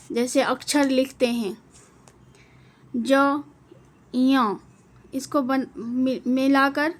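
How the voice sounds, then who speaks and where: Slow, high-voiced woman teaching grammar. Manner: slow, deliberate, spells out each letter. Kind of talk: classroom-style Hindi grammar lesson.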